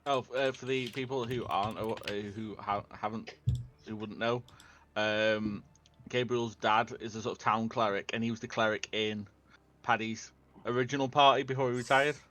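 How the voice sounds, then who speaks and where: A man talking casually as a player in a tabletop game, explaining in a halting way with many restarts. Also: fairly low pitch, steady tone, a bit bright. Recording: noisy home mic with typing.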